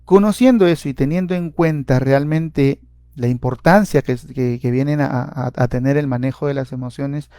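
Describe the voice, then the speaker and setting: A man's voice: mid-range voice, normal speed, dark tone, smooth, no room sound, clean studio sound. A man, a psychologist giving a seminar lecture, explaining step by step with frequent "eh" fillers and repeated words. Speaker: clinical psychologist and seminar speaker.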